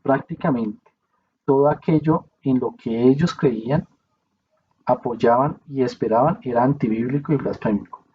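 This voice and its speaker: A man reading aloud a Bible commentary in a steady, measured way, now and then correcting himself. The recording is muffled and slightly hissy. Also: mid-range voice. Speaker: reader.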